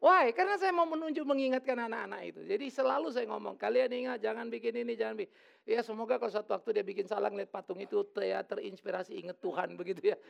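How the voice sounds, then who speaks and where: A middle-aged male pastor preaching a lively, joking sermon in church. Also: sits high, fast, vocal fry, muffled recording. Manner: lively, joking, acts out quoted voices.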